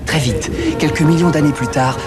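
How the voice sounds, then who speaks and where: An actor narrating a series as a grave, solemn, measured storyteller of cosmic doom. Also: male voice, fairly high pitch, lightly acted. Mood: grave, ominous. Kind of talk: scripted dramatic series narration. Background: loud music.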